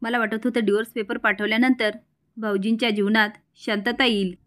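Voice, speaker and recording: A woman's voice: fairly high pitch, level tone, a little fast, fairly bright tone, lightly acted. A woman voicing a hurt young wife who pleads in a wounded tone, in a serial recap. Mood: pleading.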